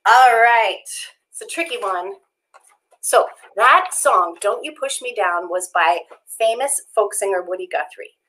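A woman's voice: mid-range voice, animated, a little slow, sharp tone, rough recording. A woman co-hosting a live children's sing-along from home, cheerful and encouraging, speaking like a teacher. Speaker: children's music co-host.

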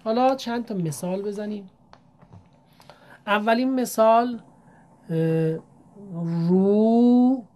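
A woman teaching Quran reading, speaking politely and formally to learners and drawing out each demonstrated syllable in a measured way. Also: medium pitch, expressive, a little mellow. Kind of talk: recitation lesson.

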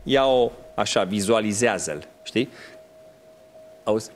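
A middle-aged Romanian man hosting a quiz show, coaxing and teasing the contestant in an animated way. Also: fairly low pitch, slight background noise. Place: TV studio.

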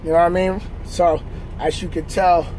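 In a laid-back vlog, a trucker in his thirties shows viewers a bunk workout from inside his sleeper cab, speaking slowly and casually. A phone camera on a stand nearby captures his high voice along with a bit of background noise.

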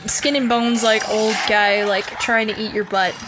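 A woman's voice: mid-range voice, flat delivery, unhurried, music in the background, poor audio. A woman co-hosting a video game podcast, talking loosely with many fillers and laughs. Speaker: podcast co-host. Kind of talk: casual game review chat.

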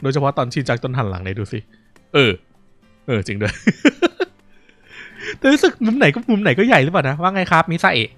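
A man's voice: a little high, wildly swooping pitch, normal speed, a bit bright, no echo, faint music behind. A man giving casual let's-play commentary, chatty, reacting aloud and reading game lines. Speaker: gaming streamer.

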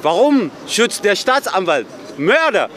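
Very high-voiced man shouting questions. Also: sing-song, measured pace. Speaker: protester. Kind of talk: angry street confrontation. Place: outdoors at a street memorial.

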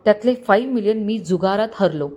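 A cool, cocky young male swindler in a spoken storybook tale, taunting his captors in a calm, mocking tone, as a woman narrator puts him on. Middle pitch, unhurried. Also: dull audio, natural voice. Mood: smug.

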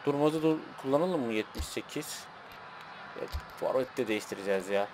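A man streaming a football video game, giving casual, excitable commentary and talking to the game and his chat. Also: mid-range voice, a little fast, slight background noise. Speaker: gaming streamer.

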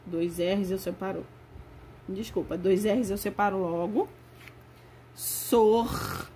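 A woman teacher giving a lesson to young children, spelling out words slowly and stretching them out. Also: medium pitch, fairly even intonation, dark tone, a little hiss or hum. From Brazil. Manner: slow, drawn-out spelling of words.

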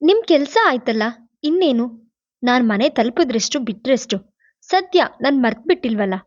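Woman narrator voicing a bitter, snappish young woman, higher voice, muffled dry audio. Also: lively intonation, moderate pace. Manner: sharp, bitter retorts. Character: proud, bitter young woman, quick to snap. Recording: dull lo-fi, dry.

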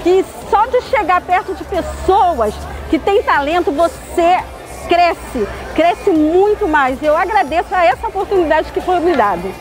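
Very high-voiced enthusiastic brazilian woman. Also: lively intonation, a little slow, soft background music, poor audio. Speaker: artisan. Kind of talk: street interview. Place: outdoor street craft fair. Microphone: lapel mic. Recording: busy street market crowd.

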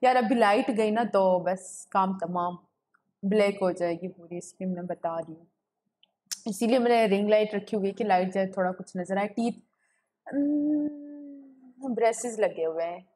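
A woman's voice: mid-range voice, measured pace, darkish tone. Young woman, giggly, chatty, live-stream webcam chat. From Pakistan. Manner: giggly, chatty, greets viewers and reads chat aloud. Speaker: gaming livestreamer. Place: home room with a ring light. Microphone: webcam setup.

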